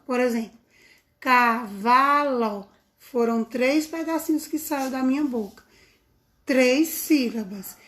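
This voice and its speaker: A woman teaching young children a remote lesson, speaking in a sing-song, affectionate teacher manner, recorded on a phone. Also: high voice. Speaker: primary school teacher.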